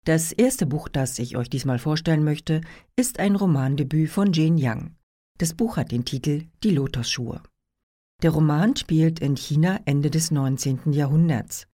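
Mellow-toned woman presenting books. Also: low-pitched, expressive, a little slow. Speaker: book presenter. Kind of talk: scripted book review narration.

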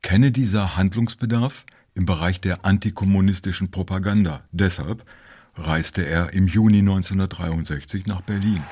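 A man narrating a history documentary in a measured, informative way. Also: low-pitched, darkish tone, slightly rough.

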